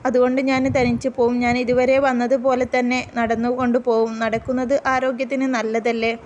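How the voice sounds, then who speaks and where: A poor, humble young woman student speaks earnestly and pleadingly, her voice high and gentle, as a woman narrator voices her. There is a steady, grateful sincerity in every line. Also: moderate pace, muffled recording, slight background noise, lightly acted.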